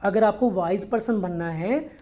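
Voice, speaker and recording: Mellow-voiced woman teaching vocabulary. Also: medium pitch, normal speed. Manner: explains words in Hindi mixed with English, repeats each word for pronunciation; checks in with frequent "okay?". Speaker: English teacher. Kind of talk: vocabulary lesson for test prep.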